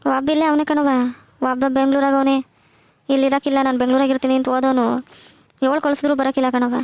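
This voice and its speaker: A woman's voice: high voice, level tone, quick pace, a little mellow, no room sound, natural voice. A woman voicing a bitter, complaining old village widow with a rural Karnataka Kannada accent, full of sayings. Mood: lamenting.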